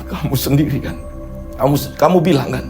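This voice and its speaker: A man voicing a grim young man who mutters low and flat. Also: a little fast, music in the background, lightly acted. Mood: bitter.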